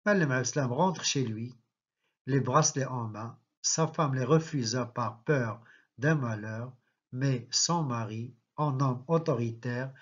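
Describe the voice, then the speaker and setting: A man, a literature teacher reading a novel aloud and pausing to explain figures of speech. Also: mid-range voice. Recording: slightly muffled lo-fi recording.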